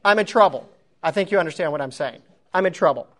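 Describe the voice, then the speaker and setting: Animated storytelling preacher man. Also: on the high side, fast talker. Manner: animated, self-mocking storytelling with laughs. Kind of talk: storytelling sermon.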